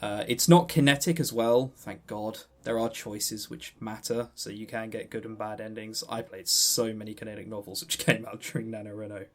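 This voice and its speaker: Steady in tone and lowish in pitch, this podcast co-host from England talks at normal speed with few pauses. His casual reviewing wanders, and he often trips over repeated words.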